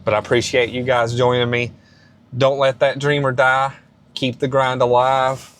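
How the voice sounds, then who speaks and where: A man's voice: medium pitch, flat delivery, normal speed, fairly bright tone, slight background noise. A man in his late thirties hosting a fitness vlog, giving beginner lifting advice in a casual, rambling and encouraging way, with many restarts and fillers. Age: 30s. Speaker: fitness channel host.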